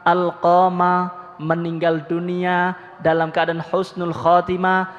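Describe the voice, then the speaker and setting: A man's voice: sits high, monotone, slow. A male preacher, telling a story animatedly in his sermon and often addressing the listeners. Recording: echoey hall, dull lo-fi sound.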